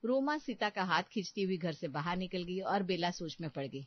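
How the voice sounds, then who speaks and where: A woman narrating a children's cartoon story in an even storytelling manner. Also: fairly low pitch. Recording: dull, dry lo-fi.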